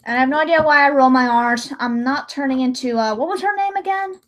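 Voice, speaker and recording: A woman with a high-pitched voice chats fast and casually on a livestream while editing. She hosts the stream and does amateur voice-over editing, rambling theatrically and breaking into sudden mock-dramatic outbursts.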